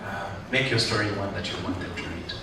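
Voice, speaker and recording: A guest speaker with a low voice talks fast as he gives a motivational graduation speech in a large ceremony hall, stirring the crowd, cracking jokes, and getting responses back. The hall is echoey, the mic sits far away, and background noise comes through.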